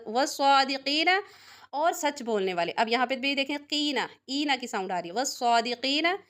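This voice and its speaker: A woman's voice: fairly high pitch, fairly bright tone. A woman teaching a word-by-word scripture translation lesson, explaining patiently and often checking in with her listeners. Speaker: Quran teacher.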